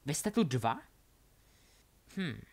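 A man's voice: a little high, big pitch swings, gravelly, full character voice. A man voicing a cold, scheming young witch who taunts and mocks her enemy, read aloud as a storybook character. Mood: mocking. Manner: taunting, ironic.

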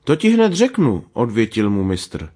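A man reading a fairy tale aloud, giving the characters small changes of voice. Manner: lively, voices characters with small pitch shifts. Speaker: storyteller.

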